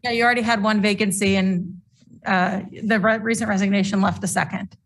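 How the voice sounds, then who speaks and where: A woman informally facilitating a meeting, speaking hesitantly with frequent pauses. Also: medium pitch, steady tone, a bit bright, a little hiss or hum.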